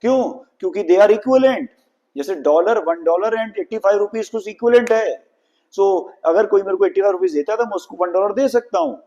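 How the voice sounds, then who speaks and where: A man teaching chemistry to students, dictating formulas slowly and calling his students children. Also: high-pitched, dark tone, muffled recording. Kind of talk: classroom lecture.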